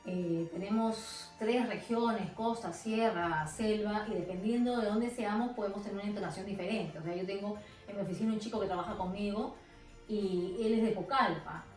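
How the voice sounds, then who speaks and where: A woman's voice: medium pitch, moderate pace, darkish tone, roomy sound, far from the mic, faint music behind, poor audio. A woman from Lima with a Peruvian accent, answering interview questions casually and animatedly, sometimes mimicking other people's speech. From Peru.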